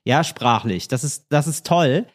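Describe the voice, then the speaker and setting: A man's voice: medium pitch, expressive, a little slow. A man co-hosting a casual podcast, playful and musing as he rambles through his own theories. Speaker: podcast co-host. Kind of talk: casual chat.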